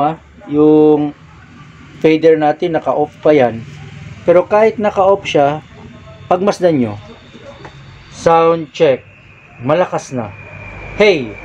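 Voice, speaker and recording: A man giving a casual hands-on lesson on setting up a mixer, explaining step by step and shouting test calls into a microphone. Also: on the high side. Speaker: sound equipment tutorial host. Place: room with a mixer and powered speaker. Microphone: handheld microphone, held at varying distance. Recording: dull sound with faint background noise.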